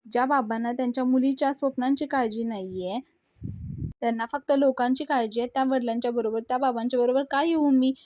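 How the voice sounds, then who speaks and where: A woman's voice: sits high, quick pace, warm tone, no room sound, studio quality, natural voice. Fields: Figure: woman voicing a hurt young daughter defying her father. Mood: hurt reproach.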